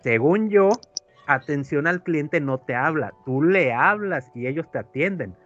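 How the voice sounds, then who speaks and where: A man's voice: fairly high pitch, lively intonation, unhurried, a bit bright, muffled recording, soft background music. A man with a Mexican accent rambling through a story in casual chat, acting out the voices of others. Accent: Mexican Spanish. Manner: rambling storyteller, acts out quoted voices, many fillers. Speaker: podcast co-host. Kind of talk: casual chat, telling an anecdote.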